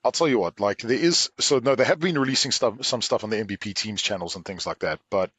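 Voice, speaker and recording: A man with a low-ish voice jokes and teases his co-hosts, calling them dude and bro. His recording is dry and close. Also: fast talker, fairly bright tone, breathy edge, dry recording. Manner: joking, teasing, says "dude" and "bro". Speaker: podcast co-host. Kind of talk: casual chat.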